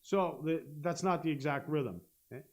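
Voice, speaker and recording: A man teaching a guitar lesson on a live stream, explaining step by step and humming out rhythms, with loud guitar playing behind him. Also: on the high side, normal speed. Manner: explains step by step, hums rhythms, checks in with "okay?". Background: guitar playing and looper.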